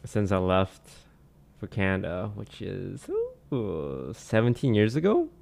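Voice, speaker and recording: A young man from Malaysia, chatting casually on a stream in a relaxed way, trailing off with many fillers. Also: low voice, slow pace, gravelly. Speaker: streamer answering questions. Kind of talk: casual chat. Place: small home streaming room. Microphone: studio mic on boom arm, headphones.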